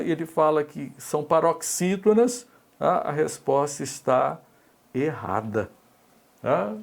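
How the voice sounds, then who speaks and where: A man's voice: on the high side, gravelly, a little mellow. A middle-aged Brazilian man with a Brazilian Portuguese accent teaching an exam-prep grammar lesson, explaining step by step and checking in with tag questions.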